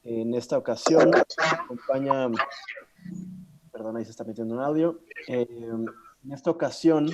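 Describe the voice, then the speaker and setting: A man's voice: medium pitch, moderate pace, long pauses, slight background noise. A man moderating an online learning session over a video call, courteous and a little hesitant as he introduces people.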